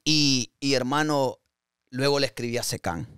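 A young adult man hosting a podcast, telling stories in an animated, slangy way. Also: mid-range voice, moderate pace, clean tone, no room sound, clean studio sound. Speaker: podcast host. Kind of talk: casual podcast conversation.

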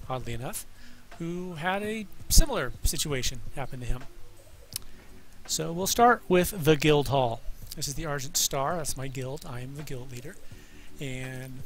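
A man with a slightly high voice chats casually as he hosts a tour through a video game. His commentary is improvised and full of playful, self-mocking asides, with music clearly playing behind him. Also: fairly bright tone. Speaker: gamer hosting a guided video game tour. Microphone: desk microphone, voice-over on game footage.

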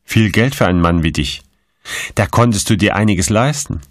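A man's voice: fairly low pitch, expressive, no echo, clean studio sound, close to an everyday voice. Man playing a cold, stern magistrate. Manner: firm, cold, measured questioning.

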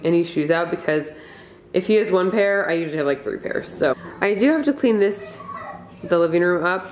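A woman's voice: fairly low pitch, slight background noise. A young woman talking casually as a home vlogger, narrating her cleaning routine in a chatty, friendly way with lots of fillers.

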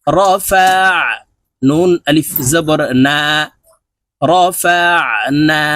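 A man teaching Quran reading, spelling out each syllable and then drawing out the joined word in a slow drill. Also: fairly high pitch, fairly bright tone, dry recording, clean studio sound.

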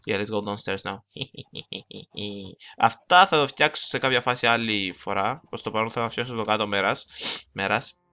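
A young man giving casual gameplay commentary, talking fast and rambling, switching into English phrases and mocking himself. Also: on the low side, sharp tone, clean tone. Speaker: gaming channel host. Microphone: desktop mic, no camera.

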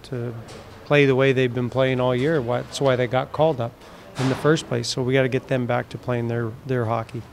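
A man's voice: medium pitch, level tone, a little fast, vocal fry, slight background noise. Blunt hockey coach, middle-aged man. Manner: blunt, plain-spoken, frequent fillers. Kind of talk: postgame press interview. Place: indoor press backdrop. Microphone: handheld mic held near the chin.

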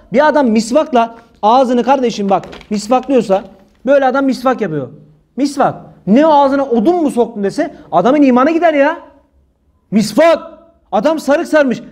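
A man's voice: sits high, darkish tone. A man giving an impassioned religious monologue, indignant and emphatic, repeating his phrases and using many pious formulas. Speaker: religious commentator.

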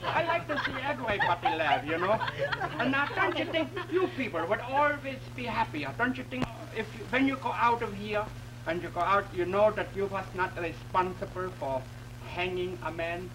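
High, halting folksy clown, early talkie film. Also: male voice, expressive, a crowd in the background. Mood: earnest pleading. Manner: halting, folksy, ungrammatical, repeating himself. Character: kindly, pleading circus clown, stubborn lone juror. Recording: noisy 1920s film soundtrack with hum.

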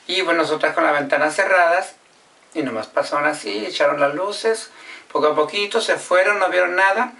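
A woman's voice: lowish voice, brisk, vocal fry, a bit bright, recorded from a distance. A woman casually telling a personal story, repeating herself and acting out what others said. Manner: repetitive, acts out quoted speech and sounds. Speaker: vlogger.

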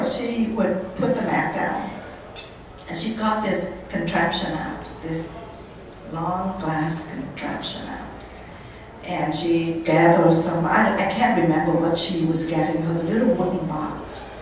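At a charity event in a country club's indoor function room, a lowish-voiced middle-aged guest speaker delivers a storytelling monologue to a live audience, animatedly retelling events and quoting dialogue along the way. She holds a handheld mic, but a distant camera captures her, so the sound is echoey with room noise.

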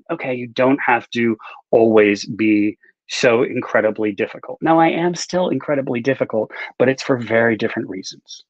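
This is a medium-pitched male voice on dry, slightly dull video-call audio. A middle-aged man, an author and interview guest, sits in a room with bookshelves and gives loose, rambling answers, often making fun of himself.

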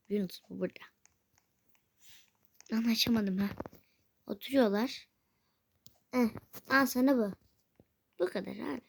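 A woman with a fairly high voice talks slowly through her gameplay, chatting to herself and often dropping into a whisper. There is a faint hiss under the recording. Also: gravelly, a little mellow. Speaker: gaming video creator. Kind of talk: casual gameplay commentary.

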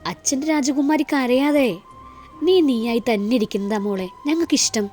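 A woman's voice: high-pitched, moderate pace, a little mellow, faint music behind, pitched above the performer's own voice, natural voice. A woman voicing a tender, doting middle-aged father in an audio story, speaking soothingly and coaxingly.

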